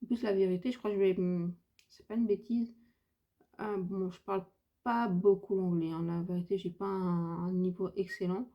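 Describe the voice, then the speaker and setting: A woman's voice: on the low side, steady tone, moderate pace, lo-fi sound. A woman from France chatting casually through a makeup tutorial, hesitant and thinking aloud with lots of fillers. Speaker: beauty vlogger.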